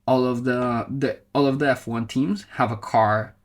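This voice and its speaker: A man's voice: medium pitch, fairly even intonation, unhurried. A man from Colombia, a motorsport content creator, talking casually in an interview, thoughtful and full of fillers and restarts. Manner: reflective, with many fillers and restarts.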